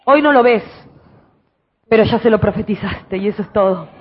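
A woman pastor with a Rioplatense Spanish accent preaching a fervent sermon, switching between shouted exclamations and quiet, intimate counsel. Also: medium pitch, moderate pace, breathy edge, highs cut off.

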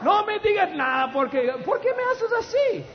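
High-voiced preacher in an echoey hall. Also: male voice, normal speed, crowd noise, noisy background. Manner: animated, loud, with stammered restarts and laughter. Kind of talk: humorous storytelling sermon. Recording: dull, echoey hall with audience.

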